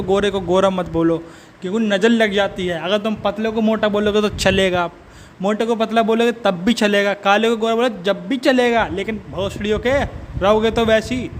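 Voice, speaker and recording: A man's voice: high-pitched, a little hiss or hum. A man delivering a profane, mocking comedic rant. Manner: abusive, mocking rant with frequent swearing. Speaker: comedic roaster.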